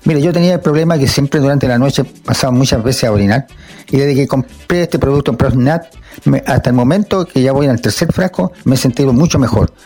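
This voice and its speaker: A man's voice: medium pitch, brisk, a little mellow, husky. A man in his late seventies with a Chilean accent, a radio caller giving a testimonial in an interview.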